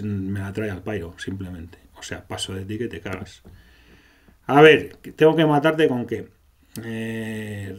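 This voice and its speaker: A man's voice: lowish voice, darkish tone. Male game commentator; irreverent, sarcastic reads of dialogue. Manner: sarcastic, irreverent, swears freely. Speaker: gameplay commentator. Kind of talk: gameplay commentary, reading and parodying dialogue.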